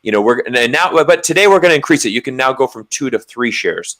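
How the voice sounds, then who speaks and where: A Floridian co-hosting a political livestream chats casually in an American accent, stressing points emphatically by repeating words. His medium-pitched voice is fast, fairly bright, and lively in intonation.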